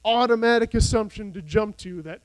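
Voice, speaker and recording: A male pastor preaches with passion, dropping to quiet asides and climbing to shouted peaks. His voice is notably high for a man. The sound is dry and close, with no room echo. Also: a little fast. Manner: impassioned, wide swings between soft and shouted. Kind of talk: sermon.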